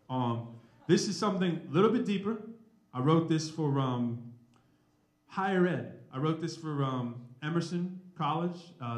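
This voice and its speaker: At an indoor live event at a college, an energetic man in his forties who is both a rapper and a mathematics professor talks casually to the audience, weaving in spoken-word rap. His voice is mid-range, and the room's echo fills the recording.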